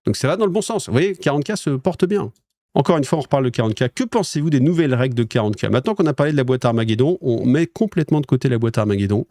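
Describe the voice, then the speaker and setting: A man's voice: medium pitch, expressive, quick pace, dark tone, no room sound, clean studio sound. A French man hosting a wargaming news show, chatting casually with viewers in a rambling way, with lots of fillers and restarts. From France.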